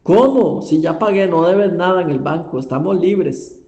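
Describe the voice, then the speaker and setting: A man's voice: high-pitched, moderate pace, darkish tone, roomy sound, dull audio, natural voice. A man voicing a patient, devoted adult son who speaks earnestly and reassuringly.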